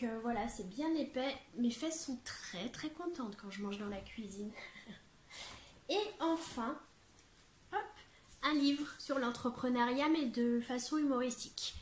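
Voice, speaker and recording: A woman's voice: fairly high pitch, slight background noise. A young woman chatting casually to her viewers in a bubbly, chatty way, with lots of fillers and laughs. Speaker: vlogger. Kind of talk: casual chat. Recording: echoey room.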